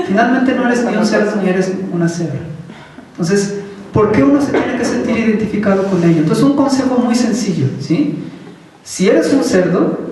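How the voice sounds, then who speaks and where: A man's voice: high-pitched, warm tone, a little hiss or hum. Man teaching in an echoey hall. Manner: conversational, asks the audience questions. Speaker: Buddhist teacher. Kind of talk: informal dharma talk. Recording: echoey hall, speaker far from the mic.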